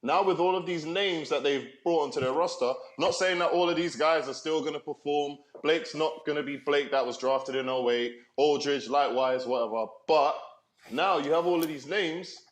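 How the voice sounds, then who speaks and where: A man's voice: fairly high pitch, normal speed, echoey room. A man on a sports talk show making his case loosely, trailing off and restarting as he tells it. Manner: loose, many fillers and restarts, storytelling. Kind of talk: casual basketball chat.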